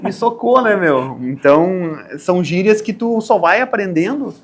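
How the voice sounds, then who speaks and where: Southern Brazilian man, podcast guest; animated raconteur with a somewhat high voice, faint background noise. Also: a little slow. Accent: Brazilian Portuguese, southern Brazil. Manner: animated storyteller, acts out quotes. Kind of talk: casual podcast interview.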